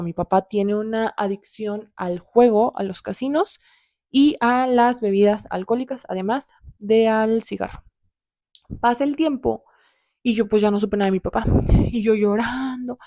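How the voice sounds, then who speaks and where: A woman's voice: a little high, moderate pace, dark tone, no room sound, clean studio sound. A young woman with a Mexican accent tells a personal story to her viewers, heartfelt and calling out to them as friends. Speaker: vlogger.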